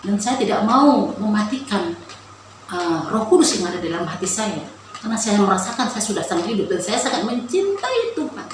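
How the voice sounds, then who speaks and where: A woman's voice: mid-range voice, sing-song, normal speed. A woman giving a personal faith testimony, telling her story in an earnest and emotional way. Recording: very echoey room with background noise.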